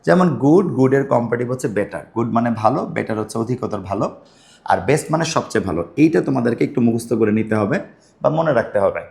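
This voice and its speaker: A man with a Bangladeshi accent explaining grammar to students in a patient lesson, repeating key words slowly. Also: medium pitch, gravelly, darkish tone. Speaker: English grammar teacher.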